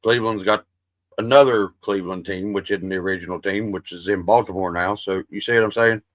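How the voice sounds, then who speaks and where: With a deep voice, fairly even intonation and a slightly fast pace, a man hosts a livestream and chats casually with his viewers, rambling and swearing. He calls his voice soothing. No echo.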